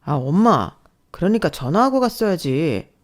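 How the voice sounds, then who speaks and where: A woman's voice: on the low side, very animated, moderate pace. Woman voicing a curt blaming husband. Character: cold, dismissive young husband.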